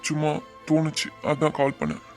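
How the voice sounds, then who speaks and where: A man voicing a caring middle-aged father in a cartoon, speaking in a calm, reassuring way. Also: a little high, normal speed, soft background music. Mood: concerned.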